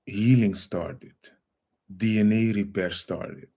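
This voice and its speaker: A man hosts a casual livestream lecture in an unhurried, drawn-out way. His voice sits on the lower side. He reads viewer comments aloud, addresses his audience as family, and lets his phrases trail off between thoughts. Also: fairly even intonation, mellow. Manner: calls listeners fam and family; halting delivery with trailing phrases. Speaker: livestream host.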